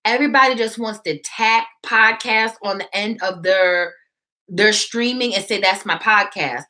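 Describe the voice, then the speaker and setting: A woman co-hosting a podcast in casual chat, animated and opinionated, laughing easily. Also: mid-range voice, a little slow. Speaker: podcast co-host.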